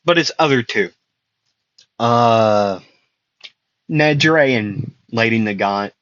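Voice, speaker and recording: A man's voice: mid-range voice, slow pace, a bit bright, no echo. A young man improvising a fan-fiction story, rambling with many fillers and self-corrections. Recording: dull lo-fi dry recording.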